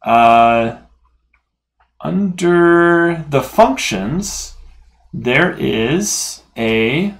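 A man's voice: fairly high pitch, expressive, extremely slow. A man hosting a programming tutorial, talking casually through the code with fillers and self-corrections as he works. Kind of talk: screen-recorded coding lesson.

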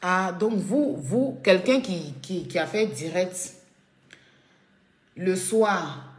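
A woman's voice: on the low side, animated, drawn-out words. A woman speaking on a live video from her home, indignant and repeating her points with emphasis. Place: at home, echoing room. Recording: echoey room.

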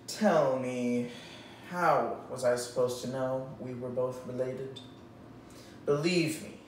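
A very echoey, distant recording of a young man performing a dramatic reading. He speaks slowly and plays it up like a hammy stage actor, drawing out theatrical pauses with mock seriousness. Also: mid-range voice, darkish tone. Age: young adult. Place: indoors in a bare, echoey room. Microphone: distant camera microphone. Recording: very echoey room, far microphone, faint noise.

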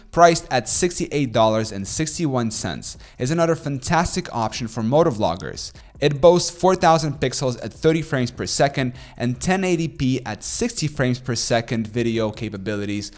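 A young man in his twenties narrating a scripted product review, reading specs and prices in a steady, promotional way, recorded in a small room on a studio boom microphone.

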